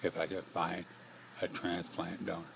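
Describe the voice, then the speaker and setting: A middle-aged American man, frail and short of breath, giving a personal testimony in halting short phrases with pauses. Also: low voice, monotone, creaky, background noise. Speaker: patient telling own life story.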